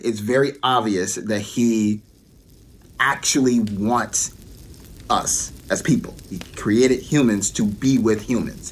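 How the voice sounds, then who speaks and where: A man's voice: lowish voice, slight background noise. A man giving an earnest devotional teaching and often repeating his key points for emphasis.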